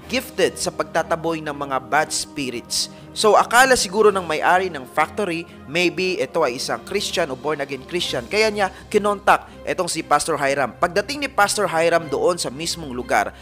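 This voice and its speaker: Man telling a spooky story, high bright voice, talks right to his audience, faint music underneath. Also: lively intonation, moderate pace. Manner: addresses listeners as a fan group, dramatic retelling. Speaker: narrator of a paranormal story channel. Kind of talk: storytelling narration.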